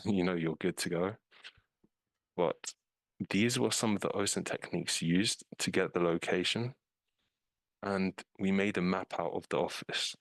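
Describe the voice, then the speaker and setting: On a low-quality recording with no room sound, a deep-voiced British man talks through a scam case over a video-call webinar. As an investigator, he keeps it casual, clicking through slides and dropping plenty of "um"s and "like"s.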